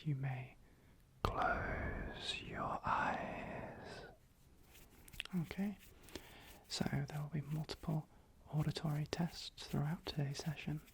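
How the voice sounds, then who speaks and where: Someone in a whispered role-play as a calm, attentive clinic assessor, giving instructions softly and breathily and gently repeating phrases. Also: mid-range voice. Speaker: ASMR performer.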